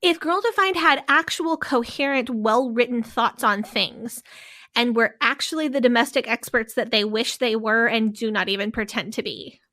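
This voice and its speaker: A podcast co-host tells a story in a casual, rambling way, full of fillers and restarts. Her voice is on the high side, pushed and bright, at a moderate pace.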